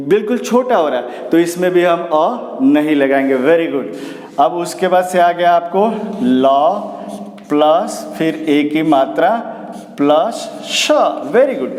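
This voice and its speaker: A man's voice: high voice, a little mellow. A man teaching an English lesson, asking questions, answering them himself and saying "very good" again and again. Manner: repeats "very good" as praise, answers his own questions. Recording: echoey room with long reverb.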